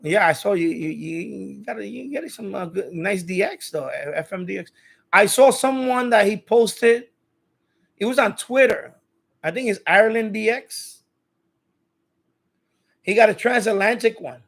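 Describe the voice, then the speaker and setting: The host of a radio hobby channel's casual live stream speaks to his chat in an informal, rambling way, frequently repeating phrases. His male voice sits high and sounds gravelly and fairly bright, at a measured pace.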